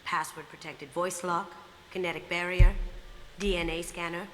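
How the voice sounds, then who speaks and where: A woman's voice: fairly low pitch, fairly even intonation, normal speed, low-quality recording. An actress voicing a cocky, playful female master thief in a video game, confident and sly. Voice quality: confident, sly, softly spoken. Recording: game audio with clear background noise.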